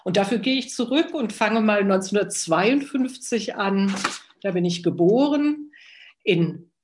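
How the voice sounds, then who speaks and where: A woman in her seventies from Hesse, telling her own life story in an unhurried way, with pauses and fillers. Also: medium pitch, animated, darkish tone, slight background noise. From Hesse, Germany. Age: 70s. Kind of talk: personal storytelling.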